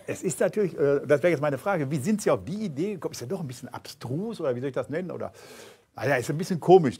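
Brief: husky man hosting an author talk, easygoing, jokey, lots of ums. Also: mid-range voice, a little mellow. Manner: chatty, joking, hesitant with fillers. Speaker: moderator. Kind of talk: conversational moderation of a reading. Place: live reading event.

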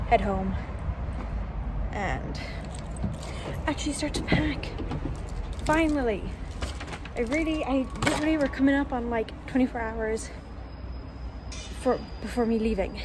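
With noise in the background, a young vlogger chats in a rambling, filler-heavy way, starting out in the car and finishing at home. Her voice sits on the high side.

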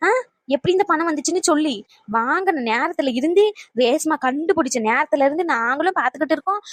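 A woman voicing a bossy, fast-talking mother-in-law. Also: sits high, no echo, close to an everyday voice. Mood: scolding. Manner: rapid, scolding, bossy. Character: sharp-tongued older mother-in-law, bossy and suspicious. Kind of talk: cartoon voice acting.

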